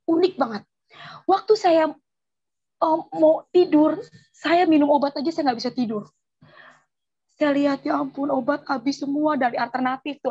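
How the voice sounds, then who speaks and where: A woman gives a personal testimony as lively storytelling, acting out the voices of the people in it. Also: sits high, highs cut off. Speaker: testimony speaker.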